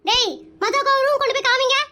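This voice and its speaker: A voice actor voicing a bossy, talkative middle-aged aunt in an animated cartoon, scolding and prying. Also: very high voice. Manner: loud, scolding, nosy and fast.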